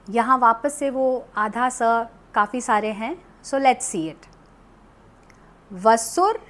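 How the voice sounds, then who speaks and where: Slow, melodic woman chanting teacher. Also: on the high side, a bit bright. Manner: chants slowly, then explains syllable by syllable; mixes English phrases into her teaching. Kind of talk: recitation lesson.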